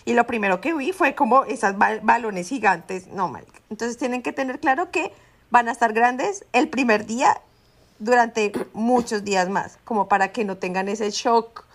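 A woman with a Colombian accent co-hosting a podcast, telling her stories in a lively way and acting out what she shouted. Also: fairly high pitch, moderate pace. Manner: animated storyteller, acts out her own shouts. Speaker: podcast co-host. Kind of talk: casual chat.

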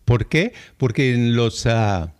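An older man speaks with a Mexican Spanish accent in a relaxed conversation. He tells his stories in a lively, personal way. His voice sits at a middle pitch. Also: slow pace, smooth. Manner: storyteller who mimics English speakers and often breaks into chuckles.

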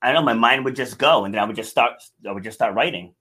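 A man with a bright, forward voice hosts a casual conversation. He chats easily and laughs often, asking questions and sharing his own anecdotes. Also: medium pitch, fast talker, breathy edge. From Rhode Island, USA. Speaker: podcast host.

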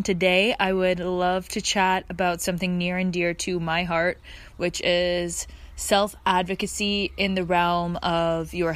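Woman, slightly low voice, podcast host, earnest and effusive, casual reflective monologue, recorded outdoors in a backyard.

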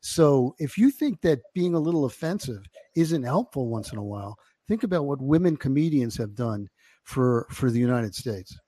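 An older man and former TV executive, telling stories in an emphatic, animated way as a guest on a talk show. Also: mid-range voice, moderate pace, dry recording. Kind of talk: casual chat.

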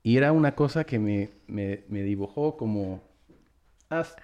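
A man who speaks natively, hosting a casual podcast chat in Spanish, halting and searching for words with many restarts. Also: lowish voice, lively intonation, warm tone, muffled recording. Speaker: podcast host.

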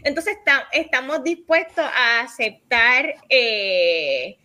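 Animated bright-voiced woman podcast host. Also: high voice, slow pace. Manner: animated, mixes English words into Spanish. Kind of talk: casual podcast chat.

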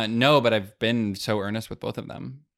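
A man's voice: fairly low pitch, a little slow, a bit bright. A young man chatting as a guest on a podcast, rambling with lots of fillers and restarts. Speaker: guest comedian. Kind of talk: casual podcast chat.

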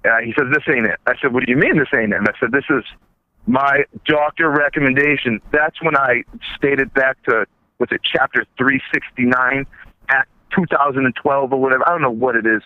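A man's voice: mid-range voice, brisk, no echo. Rambling male caller on a tinny phone line. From South Shore, Massachusetts. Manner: rambling, blunt storyteller with curse slips. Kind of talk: telling a story on a phone call.

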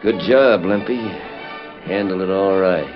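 Deep, scornful saloon villain. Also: male voice, unhurried. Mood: smug, scornful. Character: crooked saloon boss, gruff and scornful villain. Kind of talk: old radio western acting. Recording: muffled old radio recording with music.

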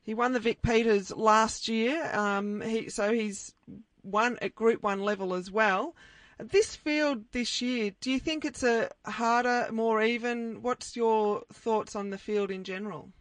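A woman's voice: on the high side, a little slow, no echo. Australian woman on sports radio, dry sound. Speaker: radio racing co-host and interviewer. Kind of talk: sports radio interview and tipping.

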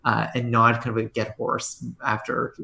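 Male guest, gravelly and sharp-toned, hedging, rambling talker, roomy echo. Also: medium pitch, completely flat delivery, moderate pace. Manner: rambling, hedging, full of restarts. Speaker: podcast guest, game master. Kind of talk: casual conversation.

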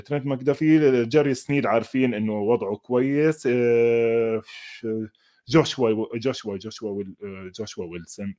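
Fast-talking Levantine Arabic man analysing sports. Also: mid-range voice, warm tone. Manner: mixes English sports terms into Arabic. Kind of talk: casual unscripted football commentary.

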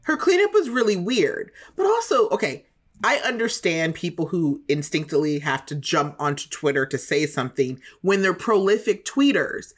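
A woman co-hosting a casual chat show, talking with animated energy and sometimes dropping to a hushed voice. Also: lowish voice, moderate pace. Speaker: podcast co-host.

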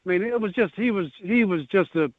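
A man with a New Zealand accent phones a radio sports show. His voice sits high for a man and comes through a narrow, tinny phone line. He talks casually, in blokey, matey banter. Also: fairly quick, no room sound. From Northland, New Zealand.

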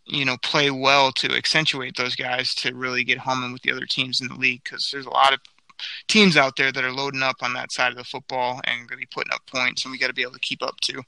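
A man hosting a sports talk show, excitable and argumentative as he makes his case. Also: medium pitch, quick pace, creaky, no echo, rough recording. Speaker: sports podcast host.

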